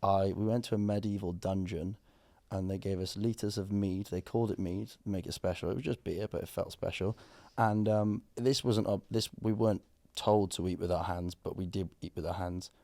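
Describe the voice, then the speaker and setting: A young man with a hoarse voice, co-hosting a podcast in a rambling, self-deprecating way. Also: low-pitched, fairly even intonation, normal speed, mellow, no room sound. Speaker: podcast co-host. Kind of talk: casual chat.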